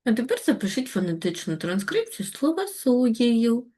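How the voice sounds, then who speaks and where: A woman's voice: a little high, sing-song, moderate pace. Patient woman teaching young children. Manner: patient, step-by-step explaining with gentle reminders. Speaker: primary school teacher. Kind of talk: online Ukrainian lesson for children.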